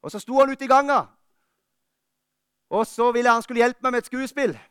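High-voiced fervent preacher. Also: male voice, smooth, dry recording, studio quality. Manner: fervent preaching that drops to quiet, intimate talk. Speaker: pastor. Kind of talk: sermon. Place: church.

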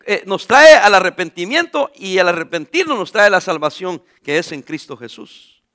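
A man preaching a sermon, his voice high and sharp-edged. His pitch swings widely as he lifts his questions and drops to answer them himself. He hammers home key phrases by repeating them. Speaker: pastor.

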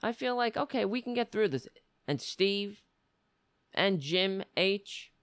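Raspy American woman, animated and unhurried. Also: medium pitch, dry recording, clean studio sound. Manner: blunt, emphatic, repeats phrases. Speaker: livestream show host. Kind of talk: casual livestream monologue with political commentary.

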